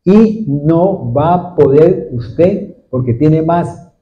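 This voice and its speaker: A male pastor preaching a sermon to a congregation, repeatedly asking them questions in a steady, repetitive cadence. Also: fairly high pitch, drawn-out words, a little hiss or hum. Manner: asks the congregation frequent questions. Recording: dull lo-fi recording. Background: seated congregation.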